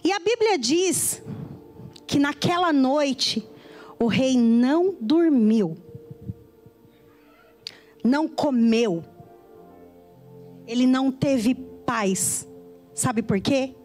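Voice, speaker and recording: A woman's voice: high voice, lively intonation, extremely slow, pauses often, darkish tone, soft background music. A woman preacher giving a sermon in church, retelling a story in a conversational way with frequent tag questions.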